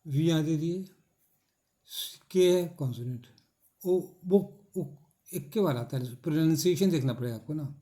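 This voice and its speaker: Dark-voiced man drilling syllables in Hindi. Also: fairly high pitch. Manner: drills by repeated questions and answers, spells letters aloud; stretches out key words slowly. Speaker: English teacher. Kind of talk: classroom lecture.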